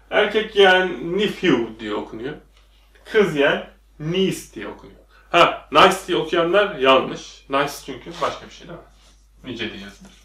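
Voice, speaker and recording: This English teacher, a man with a slightly high and somewhat bright voice, runs a whiteboard lesson and keeps quizzing viewers with repeated questions. It was recorded in a classroom, where the room echoes and he sounds far from the mic.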